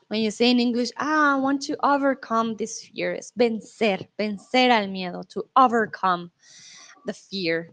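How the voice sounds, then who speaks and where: A young woman with a fairly high, slightly bright voice teaches Spanish in a live online lesson. She reads viewer comments aloud and explains things in a friendly, patient way, sometimes switching to English.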